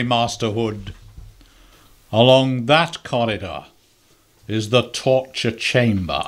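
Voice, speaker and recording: An amateur actor playing a pompous, menacing sheriff in a theatrical radio play. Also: male voice, medium pitch, fairly bright tone, full character voice. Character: pompous menacing villain, the male Sheriff of Nottingham.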